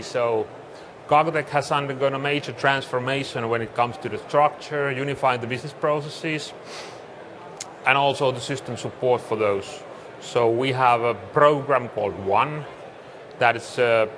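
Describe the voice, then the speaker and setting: A man from Finland with a Finnish accent and a mid-range, slightly bright voice gives a business presentation as a conference speaker. The live room recording is clearly noisy.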